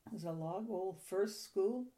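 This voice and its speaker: In a mid-range voice, an older woman raised speaking Ukrainian at home looks back on her past for an oral history interview. She talks softly, haltingly and with a rambling drift.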